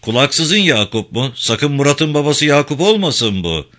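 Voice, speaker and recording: Gold-toothed joking stonemason guy, deep and teasing, lively swings, man doing it in an audiobook. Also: measured pace. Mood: jovial. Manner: teasing, paternal, low-pitched. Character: jovial gold-toothed middle-aged male stonemason.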